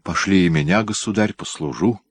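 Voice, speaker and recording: A man voicing a timid, deferential young prince in an audiobook, speaking in a soft, pleading way. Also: low-pitched, brisk, dry recording. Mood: meek. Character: timid, meek young male prince, eager to please.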